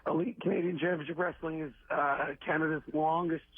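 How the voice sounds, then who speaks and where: Hoarse gravelly guy calling in, kinda high, tinny phone sound. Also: fairly even intonation, fairly quick, dry recording. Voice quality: gruff, rough voice. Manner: hesitant, many uh fillers. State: hoarse from yelling. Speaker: wrestler guest. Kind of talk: phone-in radio interview. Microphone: phone line.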